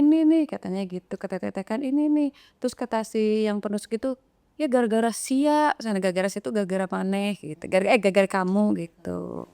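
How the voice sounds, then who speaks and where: Woman, emotional retelling, smooth voice, dry close sound. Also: mid-range voice, darkish tone, no echo. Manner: acts out quoted dialogue, hesitant restarts. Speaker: interviewee.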